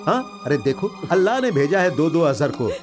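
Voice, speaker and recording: Brash cheeky young guy, high lively voice swinging all over, over film music. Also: brisk. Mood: consoling. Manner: loud, animated banter. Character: brash street-smart young man, cheeky. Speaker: auto-rickshaw driver tenant.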